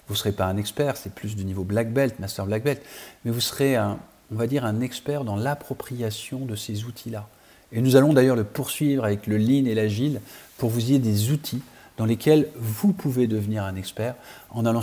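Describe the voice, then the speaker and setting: A man's voice: mid-range voice, husky. A man who works as a coach, teaching an online training lesson and explaining step by step straight to his learners. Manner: steady explanatory, speaks directly to learners.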